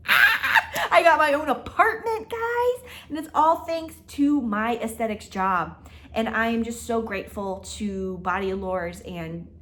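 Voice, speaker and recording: In her own apartment, a vlogger in her twenties chats casually to the camera, speaking emphatically and laughing often. Her voice is a little high and a bit bright.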